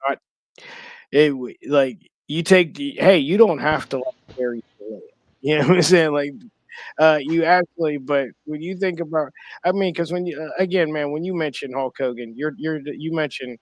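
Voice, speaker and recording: A man's voice: fairly high pitch, no echo. Rambling man in casual podcast chat. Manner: rambling, halting, many restarts and fillers. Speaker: podcast co-host.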